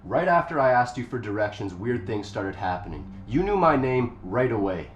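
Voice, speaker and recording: A man's voice: medium pitch, sing-song, moderate pace, dull audio, soft background music, close to an everyday voice. Echoey, urgent man, acted, demanding answers. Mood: insistent, demanding. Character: confused, insistent young man demanding answers. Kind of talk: short film dialogue. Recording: echoey room with faint background noise.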